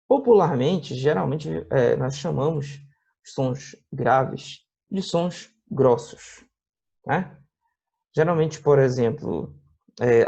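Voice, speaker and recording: A man's voice: mid-range voice, vocal fry, a little mellow, breathy edge. A man with a Brazilian Portuguese accent teaching a music lesson, explaining patiently with many tag questions and playing guitar examples. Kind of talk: classroom video lesson. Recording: dull lo-fi recording with faint guitar.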